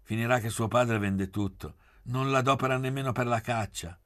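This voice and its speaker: A man's voice: medium pitch, moderate pace, a bit bright, voice pushed up, close to an everyday voice. A man voicing a blunt, forthright young man from the countryside.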